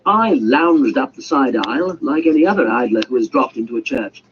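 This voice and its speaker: In a muffled, noisy amateur audiobook recording, a man reads a story with dramatic, scripted theatricality and performs the characters' dialogue. His mid-range voice has lively intonation and a moderate pace.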